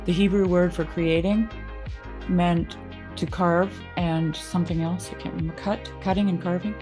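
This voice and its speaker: A woman with a somewhat low voice talks in an animated way, quickly drawing links between ideas. Faint music plays behind her. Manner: animated, eager to connect ideas. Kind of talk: casual philosophical discussion.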